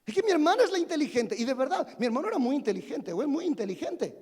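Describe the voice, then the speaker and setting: A man's voice: extremely high pitch, big pitch swings, rapid-fire, darkish tone. A pastor in his forties preaching a sermon, telling humorous stories about himself and asking the congregation questions. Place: church sanctuary. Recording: long reverb of a church hall.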